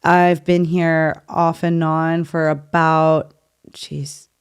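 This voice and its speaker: A woman's voice: sits low, little pitch movement, drawn-out words, clean tone. A woman in her thirties from Virginia, chatting playfully and openly as a podcast guest. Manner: chatty, playful, laughs easily. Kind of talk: casual interview chat.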